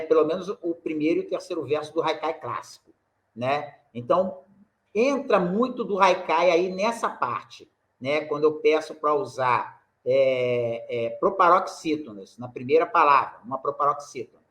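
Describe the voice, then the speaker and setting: A Brazilian-accented man lectures a poetry workshop over a video call. His voice sits a little high for a man, and he explains each rule patiently, checking in with quick tag questions. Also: fairly bright tone. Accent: Brazilian Portuguese.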